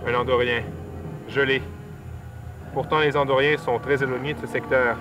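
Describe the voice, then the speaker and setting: An actor playing a coolly logical alien science officer, precise and deadpan, in an audio drama. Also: male voice, medium pitch, normal speed, close to an everyday voice. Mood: detached, analytical. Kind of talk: French audio drama acting. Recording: distant voice under very loud music.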